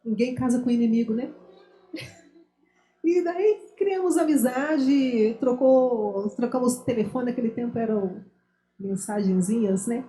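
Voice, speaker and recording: A woman's voice: fairly high pitch, measured pace, warm tone. A woman in her fifties telling a personal story in a chat, acting out the dialogue as she goes. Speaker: guest, missionary. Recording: roomy echo.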